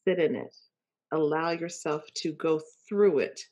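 A woman's voice: deep voice, a little slow, a little mellow. A woman coach hosting an interview, encouraging and repeating key phrases for emphasis. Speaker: life coach and podcast host.

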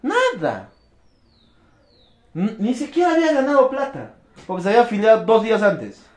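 A high, lively male voice, speaking to a crowd as a motivational speaker. He bounces between voices and acts out little exchanges. The sound is echoey, as if he is in an open hall. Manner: animated, acts out quick dialogues. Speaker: network marketing speaker. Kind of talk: motivational talk to an audience.

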